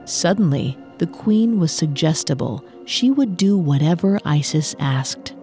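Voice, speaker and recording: A woman narrates a myth in a mellow, fairly low voice. Her storytelling is measured and scripted, with faint music underneath. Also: lively intonation.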